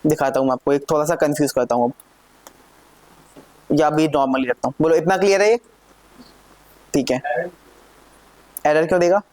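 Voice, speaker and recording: A man with a somewhat high voice leads a live programming class, walking through each step of the code. He keeps pausing to ask the students if it is clear. The recording is dry, with little room sound. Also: darkish tone, no echo. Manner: checks in often with questions to students. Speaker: programming teacher. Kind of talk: live classroom coding lesson.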